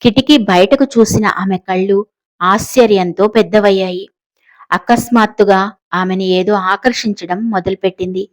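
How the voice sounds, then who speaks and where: A woman's voice: mid-range voice, normal speed. Woman narrating a suspense story. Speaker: audiobook narrator. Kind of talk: scripted narration.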